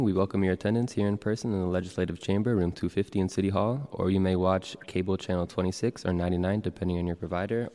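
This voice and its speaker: A man working as a meeting clerk, reading roll calls and announcements in a steady, businesslike way. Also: low voice. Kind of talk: formal public meeting proceedings. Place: large legislative chamber. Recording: long reverb of a large chamber.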